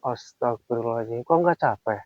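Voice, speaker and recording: A man's voice: mid-range voice, brisk, no echo, lo-fi sound. A man vlogging outdoors on a hill trail, questioning a stranger insistently and sighing in exasperation. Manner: exasperated sighs. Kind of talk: confrontational vlog on the move.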